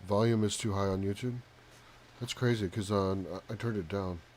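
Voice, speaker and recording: A soft-spoken man hosting a live stream with casual commentary, halting often with pauses and ums. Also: on the low side, steady tone, slight background noise. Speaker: live talk show host.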